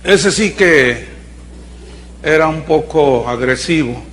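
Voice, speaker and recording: A man's voice: on the high side, slow pace, fairly bright tone, a little hiss or hum. A man with a Mexican accent preaching a sermon in a chatty, storytelling way, often checking in with his listeners. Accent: Mexican Spanish.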